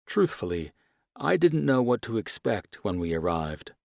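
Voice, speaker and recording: A man reading a romance audiobook in the first person, in a slow and unhurried way. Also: lowish voice, very animated, gravelly, a little mellow, no echo, clean studio sound. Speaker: audiobook narrator. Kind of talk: scripted romance narration.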